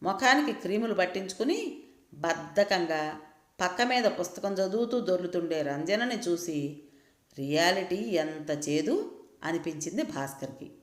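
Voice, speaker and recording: Low-voiced woman reading a story. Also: lively intonation, a little slow. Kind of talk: scripted story narration. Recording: roomy echo.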